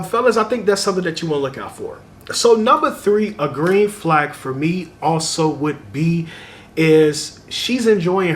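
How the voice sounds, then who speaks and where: A young man talking casually to camera in a vlog, giving dating advice in a chatty, animated way and laughing often. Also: sits high, a little hiss or hum. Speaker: dating vlogger.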